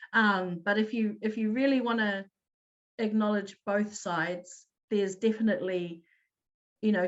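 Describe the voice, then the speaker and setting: A woman's voice: on the high side, lo-fi sound. Upbeat New woman on a call. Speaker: presenter. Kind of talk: online teaching talk.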